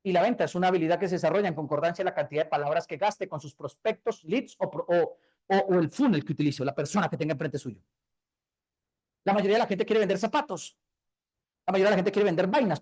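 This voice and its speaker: A man's voice: high voice, darkish tone. A Colombian man giving a motivational business talk to an audience, emphatic, hammering key words again and again. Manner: fast, emphatic, repeats key words over and over. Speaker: business speaker.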